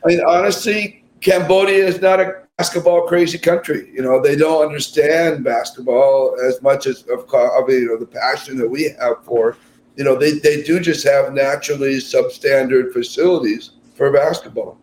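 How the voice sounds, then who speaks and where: A man's voice: mid-range voice, steady tone, moderate pace, darkish tone, roomy sound, slight background noise, rough recording. A man, a national basketball team coach, talking through interview answers in a conversational way with frequent fillers and restarts.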